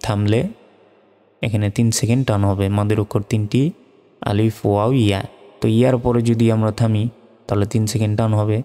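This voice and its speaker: A man with a low, mellow voice teaches Quran reading slowly and patiently, spelling out each Arabic letter and vowel mark before chanting the verse. A long hall reverb trails his words. Faint music sits underneath. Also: flat delivery. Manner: slow, patient, methodical.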